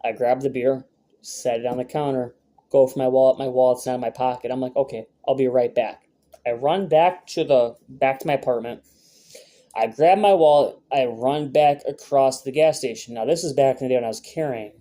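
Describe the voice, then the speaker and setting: A man's voice: medium pitch, fairly quick, mellow. Brash, profane young man telling a story. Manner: profane, brash, rambling with many fillers. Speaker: vlogger. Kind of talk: casual storytelling to camera.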